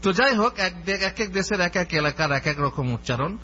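A man's voice: high voice, animated, moderate pace, sharp tone. A man giving a religious lesson, explaining points by asking questions and answering them himself. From West Bengal. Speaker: Islamic scholar giving a lesson. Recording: dull lo-fi audio with faint mains hum.

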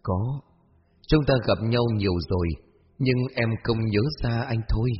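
A man voicing a gentle, mysterious young stranger in a storybook, speaking softly and tenderly. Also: medium pitch, unhurried, big-room sound, highs cut off, lightly acted. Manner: soft, hushed and tender. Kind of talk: storybook narration.

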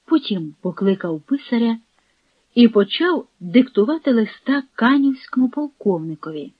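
A woman reading a historical novel aloud as an audiobook narrator, in a measured, dramatic way. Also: mid-range voice, no echo, highs cut off. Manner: measured, dramatic reading with quoted dialogue voiced.

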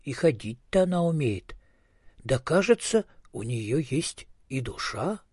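A man voicing a sensible, chatty talking tail in a storybook, lively and urging. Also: medium pitch, unhurried, slightly rough, no echo, studio quality. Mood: admiring.

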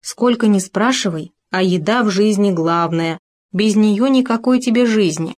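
A woman's voice: medium pitch, moderate pace, a little mellow, lightly acted. A woman reading a storybook, voicing a stubborn, food-obsessed male gopher who grumbles.

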